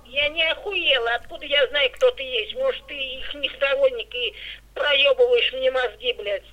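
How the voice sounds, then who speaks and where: A woman's voice: high voice, normal speed, pushed and bright. An older woman on a phone call, blunt, suspicious and swearing constantly. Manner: foul-mouthed, suspicious and blunt. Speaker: prank call target. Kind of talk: phone conversation. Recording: tinny phone line.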